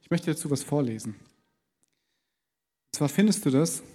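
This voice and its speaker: A man's voice: a little high, expressive, unhurried, warm tone, husky. A man preaching a sermon in a large church, in a casual, conversational way that slips into little acted dialogues. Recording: long reverb of a large church.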